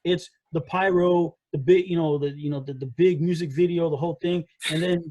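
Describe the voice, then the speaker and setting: Husky, rambling wrestling podcast man. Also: on the high side, brisk, low-quality recording. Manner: animated, full of restarts and acted-out quotes. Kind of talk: casual debate chat.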